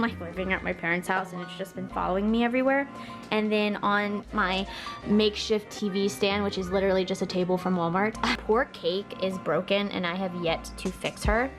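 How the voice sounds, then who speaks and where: Chatty young woman vlogging from her bedroom. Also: fairly high pitch. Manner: chatty, relaxed, lots of fillers. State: out of breath. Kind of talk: casual vlog.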